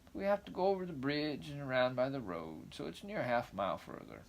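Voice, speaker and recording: A shy old country farmer, played by a man, speaks in a hesitant, folksy drawl. He is a plain, slow-spoken storybook character who takes his time. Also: medium pitch, sing-song, creaky. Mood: plain explaining.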